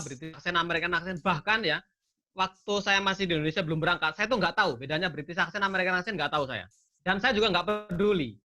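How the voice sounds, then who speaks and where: Man, high voice, bright tone, earnest, explanatory, casual advice talk. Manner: earnest, explanatory, uses rhetorical questions. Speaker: scholarship awardee guest.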